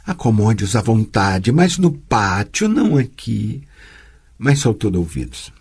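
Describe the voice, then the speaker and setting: A man voicing a patient, teasing sorceress who tutors a girl, speaking calmly and gently chiding in an audiobook. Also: fairly low pitch, unhurried, slightly rough, exaggerated voice. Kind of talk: audiobook character voice.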